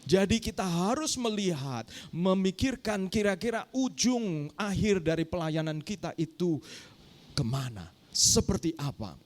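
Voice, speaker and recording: A man's voice: high voice, lively intonation, a little slow. A middle-aged man preaching a sermon as pastor, telling a story and often turning to address the congregation directly. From Indonesia.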